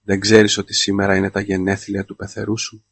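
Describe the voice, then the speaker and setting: A man reading as a shrill, bossy mother-in-law. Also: monotone, creaky. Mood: scolding.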